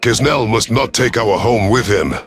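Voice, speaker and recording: This low-voiced man voices a stern, calculating alien commander while narrating a science fiction tale over music, keeping his delivery formal and deliberate.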